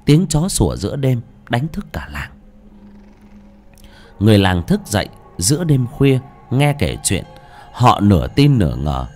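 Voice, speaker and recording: A man giving dramatic, expressive scripted narration of a horror story. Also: lowish voice, measured pace, a little hiss or hum. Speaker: audiobook narrator.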